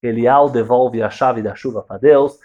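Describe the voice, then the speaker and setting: A man teaching a religious lesson as a story, animated and checking in with his listeners. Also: medium pitch, moderate pace, highs cut off, a little hiss or hum. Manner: animated, checks in with tag questions, swings loud and soft. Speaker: Torah teacher.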